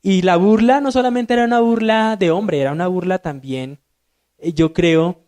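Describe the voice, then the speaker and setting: A deacon teaches a Sunday school Bible lesson in a voice that sits high for a man. He drives his points home emphatically and keeps turning to his class with rhetorical questions. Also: normal speed, a little mellow.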